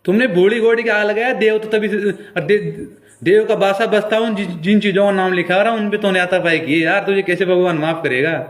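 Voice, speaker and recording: Angry high-voiced Rajasthani man. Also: fairly even intonation, brisk. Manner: confrontational, accusing, repeats challenges. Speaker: folk singer. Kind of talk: angry live-stream appeal.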